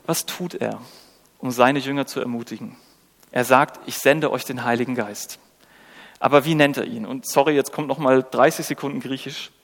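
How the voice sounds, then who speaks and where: A man's voice: mid-range voice, moderate pace, vocal fry. A man preaching a sermon, engaging and conversational, often asking the listeners questions and acting out quoted lines. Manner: engaging, asks rhetorical questions, acts out quotes. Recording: long reverb of a hall.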